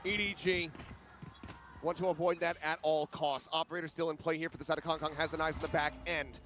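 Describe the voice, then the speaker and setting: A man doing esports caster play-by-play, dramatic, moving from measured narration to shouted calls. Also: on the high side, little pitch movement. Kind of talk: esports caster live match commentary.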